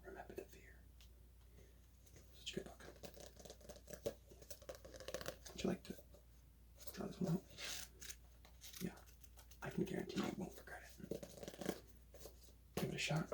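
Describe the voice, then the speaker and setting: A man doing a whispered role-play as a librarian recommending books, in a hushed, breathy library whisper. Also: slow pace, pauses often.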